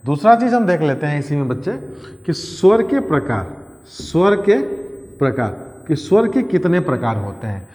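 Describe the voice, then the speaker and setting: A man's voice: fairly high pitch, big pitch swings, normal speed, darkish tone. A male teacher giving an exam-prep grammar lesson, repeating key phrases and quizzing his pupils as he goes. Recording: echoey room with long reverb.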